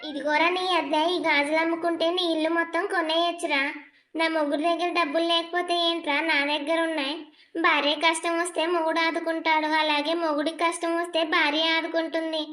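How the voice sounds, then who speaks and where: A woman's voice: extremely high pitch, level tone, brisk, a bit bright, reverberant. A woman voicing a fierce, loyal young village wife in a cartoon, defiant and commanding. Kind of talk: animated cartoon voice acting.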